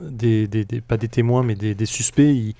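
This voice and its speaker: A man's voice: lowish voice, steady tone, normal speed, dark tone. A man running a tabletop role-playing game as game master, narrating in an explanatory, filler-heavy way.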